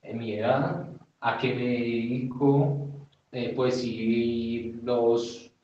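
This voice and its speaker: A man teaching Japanese in a slow, halting way, pausing often on fillers. His voice is heard from a distance in a very echoey room, and the sound is dull and muffled. A faint hiss of background noise runs underneath. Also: mid-range voice, fairly even intonation, mellow. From Colombia. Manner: hesitant, many fillers, slow and deliberate. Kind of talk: informal language lesson.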